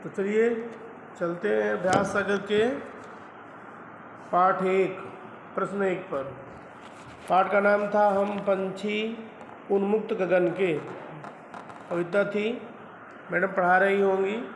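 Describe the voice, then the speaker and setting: A man's voice: high voice, level tone, takes it slowly, gravelly, pauses often. A male school teacher patiently explaining a language lesson step by step, often checking in with his students. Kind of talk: classroom lesson video. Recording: echoey room with faint background noise.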